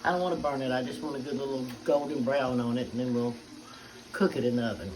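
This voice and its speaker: This middle-aged woman talks through her cooking in a chatty, homey way, with plenty of "uh" fillers along the way. She is recorded in a home kitchen, with clear background noise underneath her voice. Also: very deep voice, fast. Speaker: home cook. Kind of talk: casual cooking demonstration. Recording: noisy home kitchen ambience.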